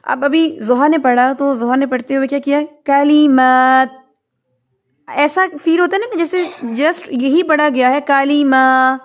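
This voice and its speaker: A woman teaching Quran recitation online, patiently correcting students and chanting verses to show how they should sound. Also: high-pitched.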